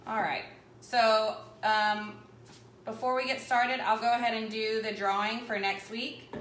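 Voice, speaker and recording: On the high side and a bit bright, her voice stays flat and a little slow as she hosts a live home-kitchen cooking demo, chatting and rambling while working. The echoey, noisy kitchen is picked up by a distant camera mic across the counter.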